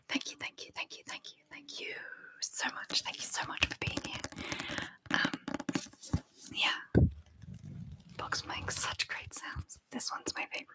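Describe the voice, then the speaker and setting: A woman hosting a casual ASMR live chat in a breathy, mostly unvoiced whisper, softly repeating words and short phrases. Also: very high voice. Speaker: ASMR live stream host.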